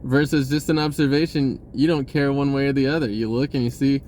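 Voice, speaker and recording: Speaking a little fast with a steady, slightly mellow medium-pitched voice, this man is a spiritual vlogger. His talk is casual and meandering, full of restarted sentences and occasional chuckles. Slight noise sits in the background.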